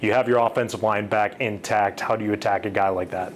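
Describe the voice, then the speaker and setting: A man with a low, flat voice asks a coach questions in a conversational tone. A faint noise hums in the background. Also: brisk. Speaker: interviewer. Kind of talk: sports interview questions.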